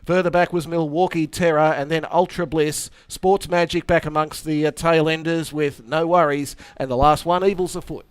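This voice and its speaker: A man's voice: fairly high pitch, fairly even intonation, moderate pace, hardly any pauses, clear, resonant tone, no room sound. A man with an Australian accent calling a harness race live in a race caller's delivery.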